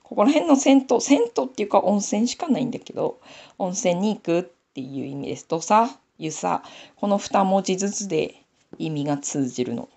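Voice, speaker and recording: A woman's voice: mid-range voice, expressive, brisk, creaky, dark tone, slightly rough. A woman with a Nanbu Aomori accent, chatting casually to herself while knitting a sock on camera. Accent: Nanbu dialect of Aomori. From Aomori, Japan. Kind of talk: casual knitting tutorial chat.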